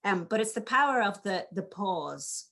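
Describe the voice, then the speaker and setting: A woman drama teacher chats in an interview, animated and playful. Her voice sits at an ordinary pitch for a woman. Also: moderate pace, vocal fry. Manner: animated, demonstrates lines in varied voices. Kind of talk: conversational interview.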